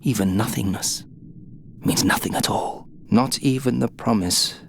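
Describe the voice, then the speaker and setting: A woman voicing a sly demonic talking staff in a fantasy video game, theatrical and mock-servile, with a gravelly creak. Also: extremely low pitch, a little slow, slight background noise, heavily acted. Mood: gloomy, theatrical. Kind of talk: video game character acting. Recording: game ambience behind the voice.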